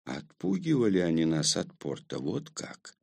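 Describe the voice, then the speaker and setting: Slow, gravelly male audiobook narrator. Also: low-pitched, wildly swooping pitch, darkish tone, dry recording. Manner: slow, measured storytelling. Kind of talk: first-person audiobook narration.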